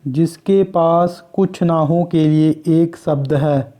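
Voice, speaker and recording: A man from Uttarakhand reading Hindi exam quiz questions and their answers in a slow, measured way, like reading off a list. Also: on the high side, fairly even intonation, mellow. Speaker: exam prep teacher.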